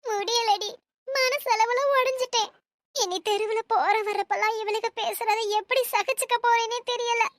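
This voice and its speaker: Cartoon: a crying, despairing middle-aged mother, high-pitched and dry. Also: normal speed, no room sound. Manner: tearful, despairing, quiet.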